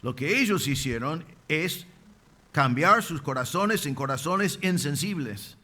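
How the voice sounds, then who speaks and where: A man's voice: a little high, expressive, a little slow, sharp tone. A man preaching a sermon as pastor, emphatic, with rising bursts and rhetorical questions. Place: church.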